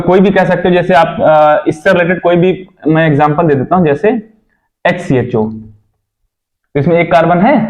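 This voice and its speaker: A man's voice: high-pitched, darkish tone. A young man teaching a chemistry lesson, checking in with his students often and repeating his own questions.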